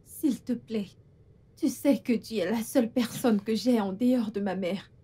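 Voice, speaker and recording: A woman's voice: fairly high pitch, moderate pace, warm tone, slightly rough. A woman dubbing a plaintive, ailing young woman. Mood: pleading. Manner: pleading, plaintive. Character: bedridden young woman, pleading and hurt. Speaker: dub actor. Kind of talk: French film dubbing.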